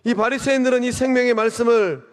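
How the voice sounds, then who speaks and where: A man delivers a sermon from the pulpit, his voice pitched high for a man. He presses his points with questions to the congregation and surges in force on key phrases. The church hall lets every phrase ring on after he stops. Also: steady tone, quick pace. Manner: preaching with rhetorical questions and swelling emphasis. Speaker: pastor. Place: church sanctuary. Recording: long reverb of a church hall.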